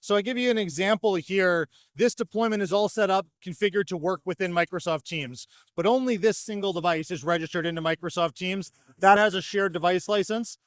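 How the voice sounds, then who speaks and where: At a trade show exhibition hall, a North American man representing his company gives a fluent, structured product explanation in an interview. His voice sits high and moves fairly quickly with few pauses, captured in studio quality with no room sound.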